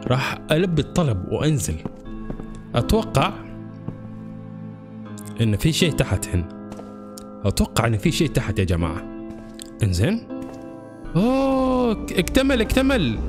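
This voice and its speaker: A man talks through a horror game for his viewers, jumpy and excitable. His voice sits high for a man and swings widely up and down. Game music plays steadily behind him. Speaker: gaming channel host. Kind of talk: horror game let's-play commentary.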